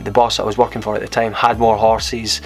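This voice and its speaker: A young Scottish man vlogs to camera, telling a personal story candidly and in a rambling way with many fillers and restarts. His voice is lowish and brisk, with little pitch movement.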